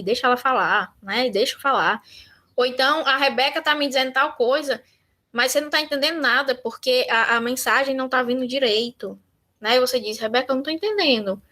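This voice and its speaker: Brazilian woman instructor, high and bright, chatty teaching that slips into little acted dialogues. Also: brisk. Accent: Brazilian Portuguese. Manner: conversational, acts out sample dialogues. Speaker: workshop instructor. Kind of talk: online workshop talk.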